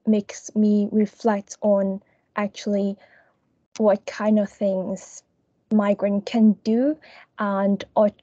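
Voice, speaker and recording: A young woman speaks in a soft, breathy, halting way, her mellow voice keeping an even, level line. She is heard through a video call captured in a screen recording. The audio is dry and dull, with a lo-fi edge. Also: medium pitch, dry recording. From Hong Kong. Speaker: student presenter. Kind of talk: online class presentation.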